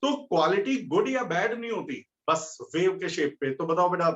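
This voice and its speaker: A man's voice: high voice, expressive, moderate pace, fairly bright tone. A man teaching a physics class, explaining step by step and asking his students questions. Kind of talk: classroom lecture. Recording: dull lo-fi recording.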